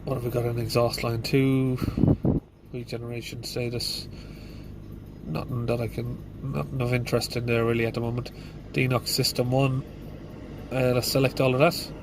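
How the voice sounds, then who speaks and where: Here a middle-aged mechanic, congested with hay fever, works through a diagnosis out loud in a van in a casual, plain manner with fillers. His medium-pitched voice holds a level tone at a moderate pace, against background noise.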